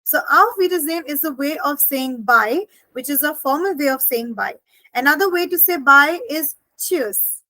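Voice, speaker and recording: Woman language teacher, high bright voice, dry close sound, patient step-by-step explainer. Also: no echo, low-quality recording. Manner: explains each phrase step by step, slows for German examples.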